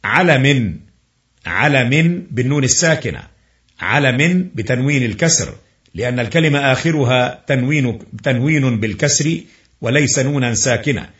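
A man's voice: medium pitch, lively intonation, fairly bright tone. Man reading a lesson aloud, in an echoey room. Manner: reads the text slowly and carefully, with filler pauses. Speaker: teacher. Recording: roomy, dull lo-fi recording.

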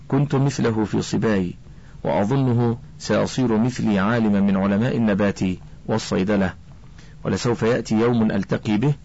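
A man voicing an older male botanist scholar, speaking gently and slowly like a kind mentor. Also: lowish voice, creaky. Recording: dull lo-fi recording.

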